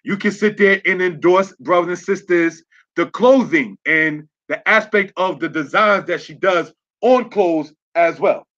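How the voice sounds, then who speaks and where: A religious teacher with a high-pitched, fairly bright voice speaks at a measured pace during a slide-based online lesson. He checks in with "all right?" as he spells words out letter by letter, and the audio is dull and lo-fi.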